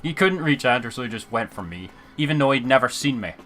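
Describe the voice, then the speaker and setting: A man casually commentating a co-op game, sarcastic and swearing, with quick asides. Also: mid-range voice, animated, a bit bright. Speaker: host of a gaming channel. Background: game music.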